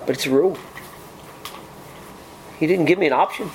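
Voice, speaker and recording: A man's voice: on the high side, moderate pace, a little mellow, low-quality recording. A middle-aged man preaches an informal sermon. He talks in a folksy way, teasing members of the congregation between verses. A faint ambient hum sits under his voice. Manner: folksy, joking asides to the congregation.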